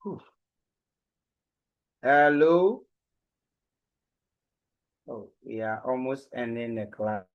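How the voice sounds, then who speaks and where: A man's voice: mid-range voice, animated, drawn-out words, long pauses, muffled recording. A man teaching an online class over a call that keeps dropping out, so his voice breaks up as he asks the students whether they can hear him. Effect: call audio breaking up and dropping out.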